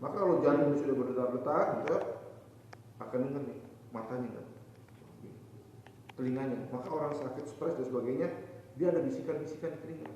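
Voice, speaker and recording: Male ustadz, mellow voice, distant in a long-reverb hall, dull lo-fi recording, quizzes the audience as he preaches. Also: medium pitch, brisk, pauses often, a little hiss or hum. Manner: lively, asks the audience questions and answers himself. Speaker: ustadz preaching at a boarding school. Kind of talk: evening religious talk to students.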